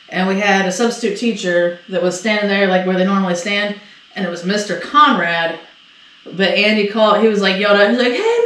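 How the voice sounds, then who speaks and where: A woman's voice: medium pitch, far from the mic. A middle-aged woman co-hosting a loose podcast chat, spinning stories and putting on voices for the people she quotes, cursing as she goes. Her voice sits back from the mic in an echoey room. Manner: animated storyteller, acts out quotes, swears freely. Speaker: podcast co-host. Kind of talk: casual storytelling chat.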